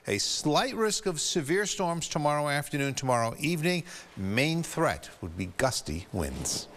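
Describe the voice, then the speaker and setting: A man's voice: on the high side, big pitch swings, a little slow, fairly bright tone, a little hiss or hum. An American man presenting a television weather forecast in loosely ad-libbed commentary. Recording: long reverberant room sound.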